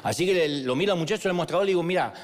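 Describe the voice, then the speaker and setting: Argentine male speaker, slightly high voice, humorous sermon-style storytelling. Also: very fast. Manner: storytelling, playful, self-mocking. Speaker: motivational speaker.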